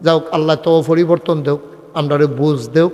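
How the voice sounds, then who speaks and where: A man's voice: fairly high pitch, steady tone, moderate pace, long reverb tail. A man preaching a humorous sermon, telling stories and getting the crowd to call back responses. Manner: conversational, storytelling with dialogue. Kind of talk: humorous Islamic sermon at a religious gathering.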